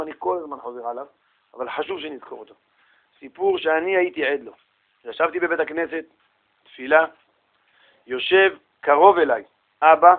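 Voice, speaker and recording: A man teaching a religious lesson with animated storytelling, asking rhetorical questions and acting out the people in his stories. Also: on the high side, vocal fry, phone-quality sound. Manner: animated storytelling, acts out quoted voices. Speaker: Torah teacher.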